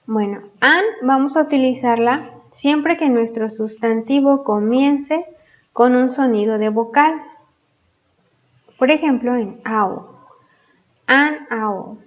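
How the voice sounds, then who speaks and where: A woman teaching English grammar, explaining patiently and pronouncing example words slowly and clearly. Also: high voice. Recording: dull lo-fi sound.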